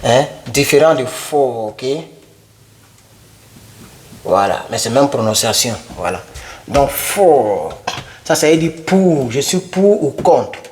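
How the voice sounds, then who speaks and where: A man's voice: mid-range voice, expressive, slow pace, long pauses, slight background noise. A man teaching English vocabulary in a casual whiteboard lesson, repeating each word many times and putting questions to his viewers.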